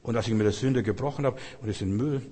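A man's voice: mid-range voice, quick pace, dark tone. A man preaching a sermon in an earnest, repetitive way, speaking directly to his listeners. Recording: long echo of a large hall.

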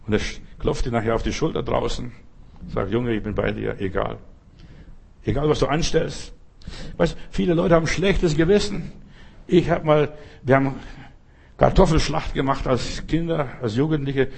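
A middle-aged man from the former Soviet Union preaching a sermon, talking straight to the listener and bursting into dramatic shouted cries for help. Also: mid-range voice, fairly even intonation, normal speed, gravelly, pauses often, breathy edge. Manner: talks straight to the listener with repeated "verstehst du".

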